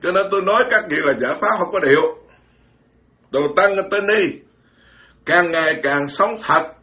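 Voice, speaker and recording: A man's voice: high-pitched, normal speed, sharp tone. A man, a Buddhist monk giving an informal dharma talk, blunt and scolding, mocking others and stammering through repeated words.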